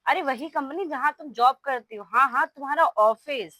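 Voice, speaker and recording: Middle-aged woman, high voice, melodramatic scolding mother in comic sketch. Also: moderate pace, pushed and bright, no echo. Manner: dramatic, scolding, exaggerated. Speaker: comedy vlogger playing a mother-in-law.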